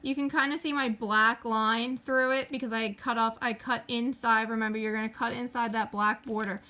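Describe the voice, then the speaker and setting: A woman's voice: a little high, fairly even intonation, moderate pace, bright, forceful tone. A woman hosting a casual sewing tutorial, chatting and using lots of fillers as she talks through each step while she works. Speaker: craft tutorial host.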